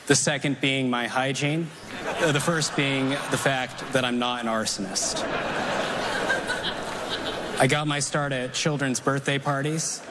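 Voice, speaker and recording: A man in his twenties performing a scripted comedy magic routine on stage, with a dry, deadpan delivery and formal, precise wording. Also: mid-range voice, measured pace, pauses often. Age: 20s. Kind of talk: scripted stand-up magic routine to a live audience. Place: theater stage before an audience. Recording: noisy live theater recording.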